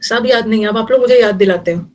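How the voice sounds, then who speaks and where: A woman's voice: fairly high pitch, quick pace, distant mic. A middle-aged woman teaching an English vocabulary class, mixing Hindi and English and using jokey memory tricks for each word.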